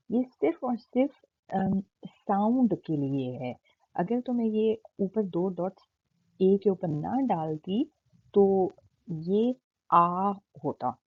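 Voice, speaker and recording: A woman's voice: mid-range voice, breathy edge. A woman teaching a German lesson, explaining patiently step by step with frequent "um"s and mixing in English words. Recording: tinny phone-like sound.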